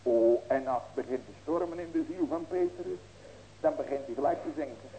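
A male pastor preaching a sermon, asking rhetorical questions and breaking into loud raised cries. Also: medium pitch, fairly quick, slight background noise, low-quality recording.

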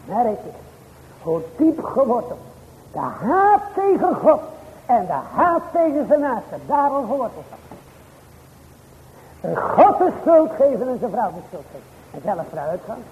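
A man preaching a sermon in old-fashioned, formal church language. He addresses his hearers directly, with sudden rises and drops in pitch and loudness. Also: sing-song, a little slow, in a large hall, a little hiss or hum, rough recording.

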